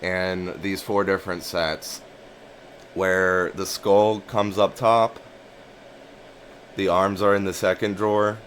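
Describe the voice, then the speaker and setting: A man casually recounting a dream in a musing, halting way, often repeating and rephrasing his phrases. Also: deep voice, level tone, a bit bright, a little hiss or hum. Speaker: narrator of a personal dream journal.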